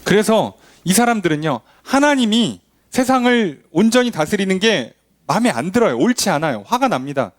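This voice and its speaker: A man's voice: high voice, big pitch swings, normal speed, hardly any pauses, dry recording. A male pastor preaching a sermon, asking the congregation rhetorical questions. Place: church.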